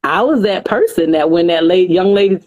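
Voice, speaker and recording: Woman, lowish voice, animated podcast guest talking shop. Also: fairly quick. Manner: animated, acts out broker calls. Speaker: dispatcher guest. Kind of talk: podcast interview chat.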